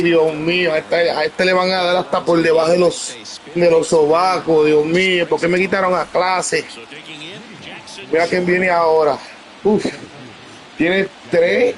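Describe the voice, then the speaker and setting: A man giving excited live commentary as he streams a baseball video game, bursting into shouts and talking to his viewers. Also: a little high, poor audio. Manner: talks to his audience. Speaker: gaming streamer. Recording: loud stadium crowd noise from the game. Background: video game crowd sound.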